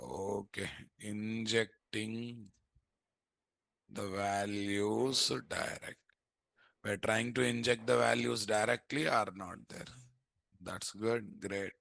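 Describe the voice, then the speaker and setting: His voice is lowish, steady and slow, creaky and a bit bright, captured in a dry recording. As a programming instructor with an Indian accent, he leads a live coding lesson indoors at a computer and keeps asking rhetorical questions, often saying "what" repeatedly.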